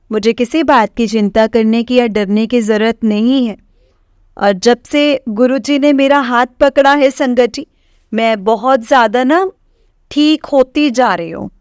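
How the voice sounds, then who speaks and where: A woman's voice: a little high, clear, resonant tone, no echo, clean studio sound. A woman from Punjab with a Punjabi accent, earnestly and emotionally sharing her devotional testimony with the congregation, repeating her phrases. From Punjab, India.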